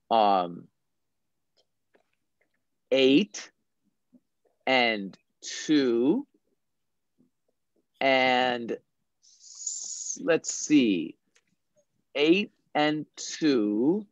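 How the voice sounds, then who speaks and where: A math teacher patiently and deliberately explaining a puzzle to young children in an online class. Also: mid-range voice, dry recording, muffled recording.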